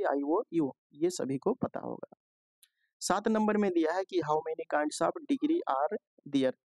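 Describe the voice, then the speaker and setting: A man with a somewhat high, gravelly voice explains exam questions in a lesson, repeating little check-ins as he goes. He reads the passages slowly. The sound is dry and close, with no room around it. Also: a little mellow, no echo. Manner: explanatory, repeats "ठीक है" and "जो है" often; slows down to read English question text. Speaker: teacher. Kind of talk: exam-prep lesson in Hindi mixed with English.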